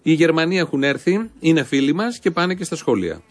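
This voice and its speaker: A man's voice: on the high side, expressive, slight background noise. A man hosting a satirical show, commenting on clips in a dry, mocking manner. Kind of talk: sarcastic commentary.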